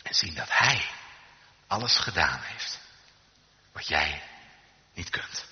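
Male preacher, sermon, emphatic, very animated pitch, long church reverb, muffled lo-fi sound. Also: slow. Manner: emphatic preaching, swinging from hushed to loud exclamations. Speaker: pastor.

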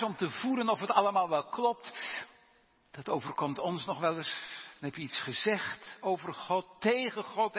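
A man delivers a sermon from a church pulpit, his fairly high, husky voice moving at an unhurried, measured pace. He lifts his voice to stress the quoted psalm lines. The sound is dull, with a long reverb trailing through the building. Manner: preaching with emphatic rises on quoted psalm lines. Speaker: pastor.

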